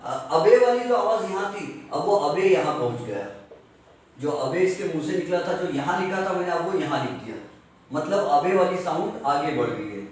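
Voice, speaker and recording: A male science teacher giving a classroom lecture, explaining step by step and slowly dictating definitions. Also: fairly high pitch, animated, a little mellow. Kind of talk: classroom lecture mixing Hindi and English. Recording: echoey room from far off.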